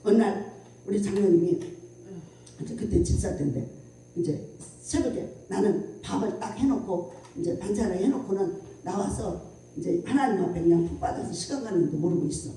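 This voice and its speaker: A woman pastor giving a revival sermon with a personal testimony, telling it in an animated way, acting out voices and laughing often, recorded from far off in an echoey hall. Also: medium pitch, normal speed, a little hiss or hum. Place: church prayer house at a revival meeting.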